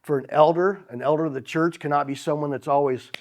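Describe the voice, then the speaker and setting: A man's voice: on the high side, fairly even intonation, fast, darkish tone. A middle-aged man preaching a conversational sermon, chuckling as he acts out example phrases.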